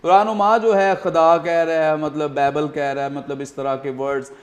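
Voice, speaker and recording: A man's voice: a little high, fairly even intonation, lo-fi sound. A man hosting a studio talk show, explaining earnestly and often using fillers. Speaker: host.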